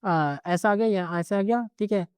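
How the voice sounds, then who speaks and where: A male teacher giving a casual exam-prep lesson, rattling quickly through word lists and checking in with the listener after nearly every line. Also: high voice, smooth, no echo.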